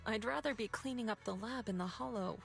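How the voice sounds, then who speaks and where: A woman's voice: fairly high pitch, brisk, creaky, faint music behind. A woman voicing a composed, resolute master of disciples in an anime-style video game. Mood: reflective.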